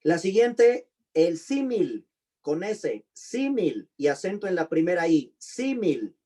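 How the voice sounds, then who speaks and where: A pastor giving an online Bible class, slowly repeating and spelling out terms and putting questions to his students. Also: high voice, sing-song, dark tone. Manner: slow, deliberate spelling-out of terms. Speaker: pastor and teacher.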